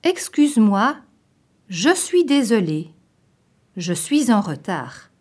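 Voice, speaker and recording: A woman teaching a vocabulary lesson, saying each short phrase slowly and distinctly so learners can repeat it. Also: medium pitch, very animated, a little mellow. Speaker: language teacher. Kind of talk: slow, clearly spoken vocabulary lesson.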